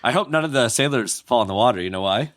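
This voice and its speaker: A man's voice: medium pitch, lively intonation, quick pace, a bit bright, no room sound, clean studio sound. A man co-hosting a casual podcast, reacting to the story with puns and playful wisecracks. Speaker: podcast co-host, listener. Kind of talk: casual chat.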